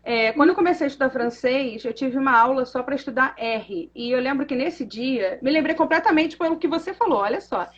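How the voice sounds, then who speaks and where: A woman's voice: high voice, brisk, hardly any pauses, dull audio. A woman, a language teacher in a casual chat, agreeable and explanatory.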